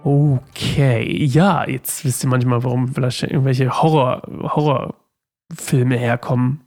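Gravelly man hosting a casual Bible study. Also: medium pitch, fairly even intonation, a little slow, darkish tone, soft background music. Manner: chatty, rambling, full of fillers. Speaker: Bible study podcast host.

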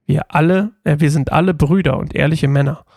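A man voicing a group of frightened brothers pleading their honesty, read slowly and earnestly in a gravelly voice. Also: a little high, steady tone, a little mellow, dry recording, studio quality.

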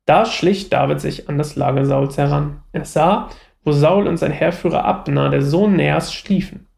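A man's voice: fairly high pitch, moderate pace, vocal fry, a little mellow, reverberant. A man reading a Bible story aloud and adding informal asides, with frequent fillers and self-corrections. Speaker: Bible reader and teacher. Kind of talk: Bible reading with casual commentary.

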